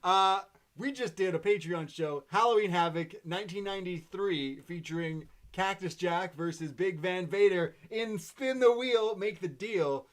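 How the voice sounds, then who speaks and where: A man co-hosting a wrestling podcast, retelling a show in quick, animated play-by-play. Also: high-pitched. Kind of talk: casual show recap chat.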